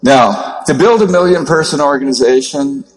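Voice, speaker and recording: A middle-pitched man in his fifties with a Minnesota accent, talking in a steady monotone as he coaches a seminar crowd. His voice rings out with a long hall reverb, as if he is speaking in a large room. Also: normal speed. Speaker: network marketing trainer. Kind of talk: motivational seminar talk.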